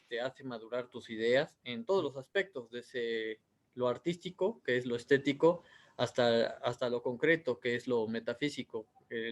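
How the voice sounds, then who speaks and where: A Mexican man in his thirties, an author answering interview questions in a rambling way with many fillers. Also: mid-range voice. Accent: Mexican Spanish. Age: 30s.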